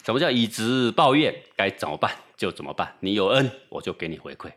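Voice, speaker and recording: A man's voice: on the low side, big pitch swings, brisk, a bit bright. A man lecturing in dialogue, emphatic and rhetorical, often asking his listener if he is right. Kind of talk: lecture on Confucian ethics in dialogue.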